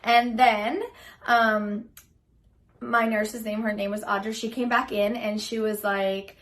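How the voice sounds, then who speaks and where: A woman's voice: mid-range voice, little pitch movement, slow pace, fairly bright tone. A young woman casually telling a personal story in a chatty, rambling way, full of fillers, acting out what she said. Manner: chatty and rambling, full of ums and likes, acts out her own lines. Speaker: vlogger telling her birth story.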